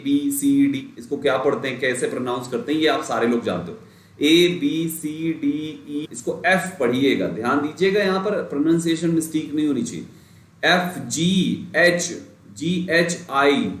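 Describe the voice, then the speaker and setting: A young adult man teaching an exam-prep English lesson in a chatty way, speaking straight to his students and repeating key points. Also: fairly high pitch. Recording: roomy echo.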